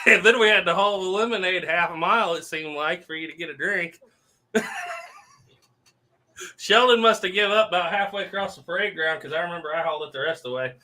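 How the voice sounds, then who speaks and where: Easygoing male host, bright upbeat voice, casual storyteller on a video call. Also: sits high, brisk, poor audio. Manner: laughs often, easygoing storyteller. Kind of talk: casual chat.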